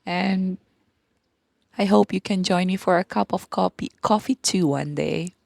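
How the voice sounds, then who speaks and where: A woman in her thirties with a Filipino accent talks in a soft, unhurried ASMR style, pausing often and starting sentences over. Her voice is low and heavily gravelly with fry, slow in pace, and recorded dry and close with no room sound. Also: dry recording. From Philippines. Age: 30s. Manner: slow and gentle, with pauses and restarts. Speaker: ASMR vlogger. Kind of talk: soft-spoken ASMR talk.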